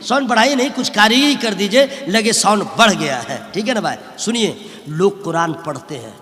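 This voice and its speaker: A man giving a humorous sermon to a live religious gathering, animated and often shouting. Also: high-pitched. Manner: animated, often shouting, acts out little dialogues. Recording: echoey hall with long reverb, public address.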